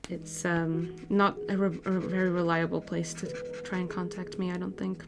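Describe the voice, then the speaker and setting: A woman's voice: lowish voice, flat delivery, moderate pace, creaky, over music. A woman in her twenties, from Portugal, chatting casually with viewers on a live stream while she draws, laughing easily as she answers messages. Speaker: art streamer.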